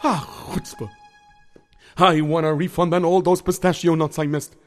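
A man playing an excitable, self-important pious man in a told story, theatrical, muttering and exclaiming. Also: fairly high pitch, moderate pace, soft background music, natural voice. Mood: outraged, wailing.

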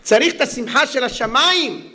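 A man gives a humorous sermon, spinning a joke story with animated delivery and frequent laughter. His voice is high and bright. He shifts easily between teaching and storytelling. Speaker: preacher.

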